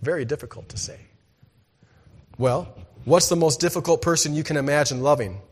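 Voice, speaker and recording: Preaching in church, this male pastor asks rhetorical questions and calls out for "amen" at a moderate pace. His delivery shifts from booming emphasis to hushed, low remarks.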